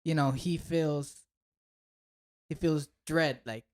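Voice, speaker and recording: A woman's voice: deep voice, slow. A woman co-hosting a podcast, chatting casually and acting out quotes. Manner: animated, acts out quotes with rising voice. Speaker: podcast co-host. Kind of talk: casual chat.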